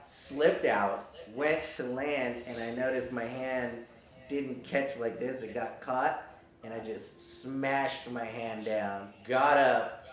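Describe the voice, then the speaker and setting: Man, 50s, pro skater, casual interview storytelling, middle-pitched, easygoing and a bit profane, heavy room echo. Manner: laid-back, swears casually, acts out the people in his stories. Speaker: professional skateboarder. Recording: very echoey room.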